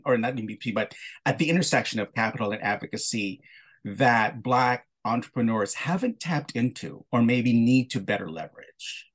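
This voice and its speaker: A man born in the Philippines hosting an interview, asking long questions with frequent restarts and pauses. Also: medium pitch. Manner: halting, with frequent restarts and warm laughter. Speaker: podcast host. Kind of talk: conversational interview.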